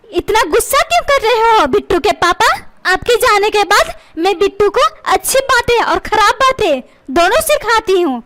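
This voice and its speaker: A woman voicing a sharp-tongued, feisty mother in a cartoon who bickers with her husband. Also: very high voice, big pitch swings, normal speed, a little hiss or hum, exaggerated voice. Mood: defensive. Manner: bickering, taunting. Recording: loud background music.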